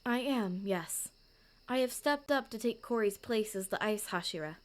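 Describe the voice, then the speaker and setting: A woman voicing a calm, kind young female swordswoman in a storybook audio drama, speaking gently and earnestly. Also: medium pitch, normal speed, pitched above the performer's own voice, lightly acted. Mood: reassuring.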